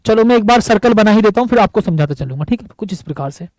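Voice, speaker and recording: A man's voice: sits high, animated, fast talker, darkish tone, no room sound, low-quality recording. A man teaching physics at a board in an affectionate, repetitive way, often calling his students buddy. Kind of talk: board lecture.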